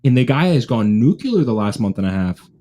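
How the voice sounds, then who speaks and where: A young man hosts a sports watch party live stream, chatting casually in a medium-pitched, dark-toned voice that's very animated and a little fast. He talks like a frat bro, constantly dropping "bro" and "dude."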